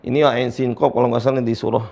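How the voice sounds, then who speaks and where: A man teaching Quran recitation to young learners, patiently explaining letter lengths and chanting the letters slowly for students to repeat. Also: medium pitch, flat delivery, creaky, a little mellow.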